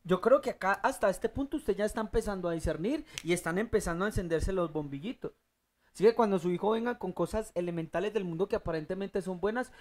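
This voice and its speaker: This medium-pitched teacher leads a Bible study group with emphasis, posing questions to the audience and supplying the answers. Loud bursts that climb upward punctuate his delivery.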